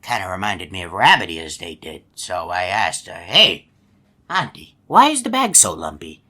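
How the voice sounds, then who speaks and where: An actor playing a folksy, long-winded, gullible hippo animatronic in a video game, telling stories in a polite, meandering way. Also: male voice, deep voice, big pitch swings, moderate pace, sharp tone, full character voice. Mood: mildly puzzled. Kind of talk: video game character monologue.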